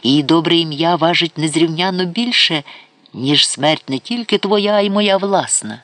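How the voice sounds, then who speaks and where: A stern, powerful sultan, played by a male narrator. He speaks slowly and gravely, with open menace behind the words. This is an audiobook figure. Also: on the high side, a bit bright, voice pushed up, lightly acted. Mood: menacing.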